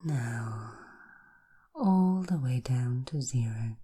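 A woman guiding a hypnosis relaxation, speaking softly in slow, repetitive suggestions and often half-whispering. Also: a bass voice, lively intonation, breathy edge.

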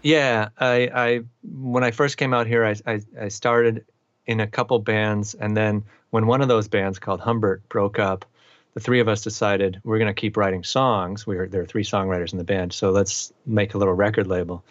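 A man's voice: on the low side, normal speed, no echo, highs cut off. A middle-aged man from eastern Massachusetts, a musician guest chatting casually with lots of fillers. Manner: relaxed, rambling, many fillers. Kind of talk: casual interview chat.

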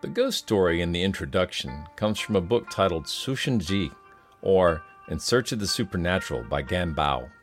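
A man hosting a science podcast, reading scripted introductions and explanations in a measured, explanatory way. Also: deep voice, expressive, faint music behind. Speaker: podcast host.

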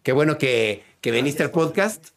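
Gravelly Mexican podcast host. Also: male voice, medium pitch, expressive, normal speed. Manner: encouraging, frequent short backchannel replies. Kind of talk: casual podcast chat.

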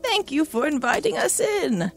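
A woman voicing a friendly older wife next door, polite and gently apologetic. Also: high voice, very animated, normal speed, gravelly, faint music behind, exaggerated voice.

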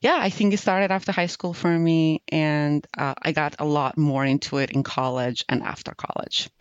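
A woman's voice: low voice, steady tone, moderate pace, clean tone, no room sound, lo-fi sound. A woman from Albania in her thirties, a podcast guest chatting casually with many fillers and restarts. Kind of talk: casual interview chat.

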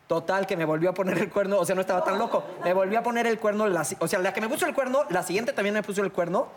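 A man's voice: high voice, rapid-fire, a crowd in the background. A man with a Mexican accent, a podcast co-host in casual chat, poking fun at himself and asking pointed questions. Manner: self-mocking, asks pointed questions.

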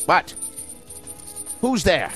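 A man playing a miserly, bullying radio station boss in an audio drama, haughty, fussy and sharp in manner. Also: sits high, sing-song, extremely slow, faint music behind, full character voice. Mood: startled, flustered.

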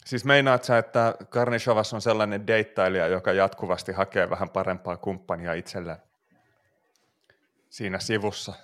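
A man's voice: lowish voice, steady tone, fairly bright tone. A man co-hosting a casual sports podcast, joking and chatty. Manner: joking, laughs often. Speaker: podcast co-host.

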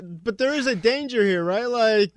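A man's voice: high-pitched, animated, moderate pace. A man co-hosting a radio show, bantering casually with the others.

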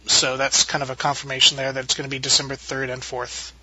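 A man's voice: mid-range voice, monotone, quick pace, bright, forceful tone, lo-fi sound, slight background noise. A man hosting a roundtable podcast in a casual, chatty style. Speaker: podcast host.

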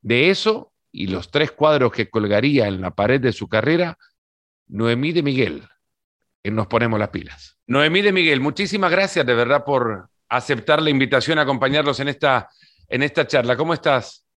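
A man hosts a podcast conversation in an even, measured way, often circling back to restart a phrase. His voice is sits at a middle pitch for a man and sounds close and dry, with no room around it. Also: no room sound. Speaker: podcast host. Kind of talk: podcast interview, scripted intro then casual chat.

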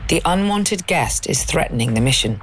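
A woman's voice: sits low, lively intonation, moderate pace. A woman reading scripted suspense documentary narration as a podcast host. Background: faint music.

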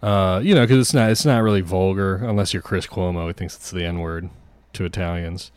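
Man, very low voice, dry close sound, rambling casual podcast talk. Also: fairly quick, clean tone, dry recording. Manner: rambling, profane, many fillers. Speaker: podcast co-host. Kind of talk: casual chat.

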